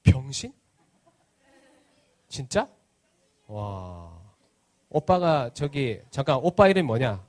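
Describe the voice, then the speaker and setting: A man's voice: mid-range voice, very animated, slow, pauses often, darkish tone. A man giving an interactive children's sermon at a church service, teasing the kids playfully and asking them lots of questions. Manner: asks the children many questions. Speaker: children's pastor.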